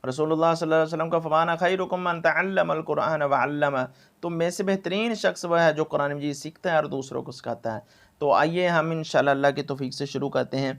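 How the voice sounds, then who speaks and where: A man teaching Quran recitation, drawing out syllables slowly to demonstrate and repeating words over and over, then explaining at a brisk pace. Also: a little high, fairly even intonation, gravelly. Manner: repeats words again and again for practice. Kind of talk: tajweed lesson, explaining and demonstrating.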